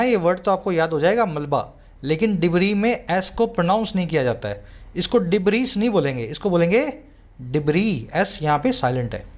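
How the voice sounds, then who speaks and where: A man with an Indian accent teaching English vocabulary, explaining each word slowly and reading example sentences in a measured way. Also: sits high. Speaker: English tutor. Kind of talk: vocabulary lesson.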